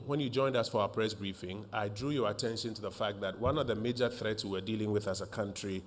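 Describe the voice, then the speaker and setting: A man, a government minister opening a press briefing in a formal, measured way with frequent fillers. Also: fairly low pitch, slight background noise.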